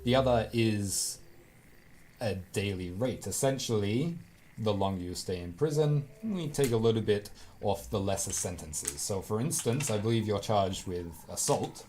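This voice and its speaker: A man's voice: on the low side, lively intonation, normal speed, darkish tone, pitched below the performer's own voice, natural voice, low-quality recording. A man playing a smug, formally courteous male jailer in a tabletop role-play game. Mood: businesslike. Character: smirking, courteous male jailer, officious and accommodating. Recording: background noise at live table.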